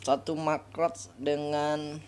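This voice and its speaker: A man's voice: a little high, flat delivery, slow pace, a little mellow, slight background noise. A man teaching Quran reading, going through each letter patiently and repeating every sound to drill it. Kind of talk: slow step-by-step recitation lesson.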